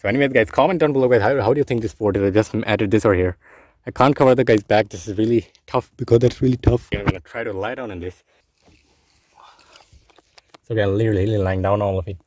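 A young man chatting casually as a vlogger while filming from inside a blanket fort in a parked car, talking excitedly and saying guys constantly. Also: lowish voice, quick pace, dry recording. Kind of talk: casual vlog narration. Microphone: handheld phone camera.

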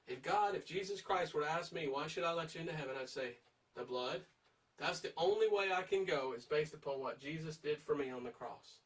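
A man's voice: fairly high pitch, fairly quick, recorded from a distance, low-quality recording. A man teaching a verse-by-verse Bible study in an emphatic, urging way, putting direct questions to his listeners.

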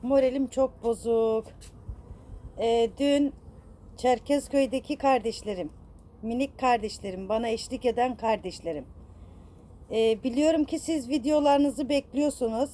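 A woman's voice: fairly high pitch, moderate pace, mellow, slight background noise. A woman vlogger in a casual apology to her viewers, upset and self-reproaching, rambling with many fillers and affectionate toward her audience. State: distressed.

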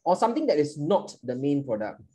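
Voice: mid-range voice, big pitch swings, fairly quick, warm tone, low-quality recording. A teacher runs a live online class in a playful, joking way and counts down to each answer.

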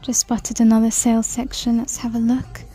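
A woman chatting through a shopping walk-through in a large store, reading out prices and sometimes dropping to a soft whisper, filmed on a handheld phone. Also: fairly high pitch, level tone, normal speed, husky, faint music behind. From United Kingdom. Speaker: shopping vlogger. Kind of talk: casual shop-with-me commentary. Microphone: handheld phone camera.

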